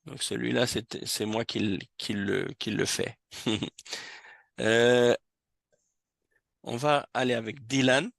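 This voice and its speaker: A man's voice: mid-range voice, steady tone, takes it slowly, creaky, pauses often, a bit bright, no echo. A man teaching an Arabic class in French, patiently explaining and correcting students. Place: mosque classroom.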